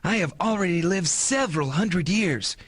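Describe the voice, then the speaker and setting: An actor playing a very old, weary man in a video game, speaking slowly in a husky voice. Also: high-pitched, animated, a bit bright, exaggerated voice. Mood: weary, solemn. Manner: very old man's voice, slow.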